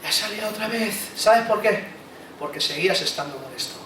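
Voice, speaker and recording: A pastor preaching a conversational sermon, acting out inner monologues and asking the congregation rhetorical questions. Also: male voice, high voice, animated, normal speed, fairly bright tone, a little hiss or hum. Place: church hall. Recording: echoey church hall, faint ambience.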